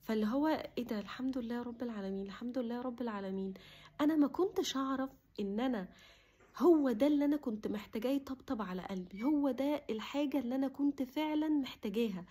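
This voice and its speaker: A young woman with an Egyptian accent, talking to her viewers in a heartfelt, emotional way and now and then dropping to a soft whisper. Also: on the high side, fast, slightly rough. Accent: Egyptian Arabic. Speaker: vlogger. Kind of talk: casual personal talk to camera.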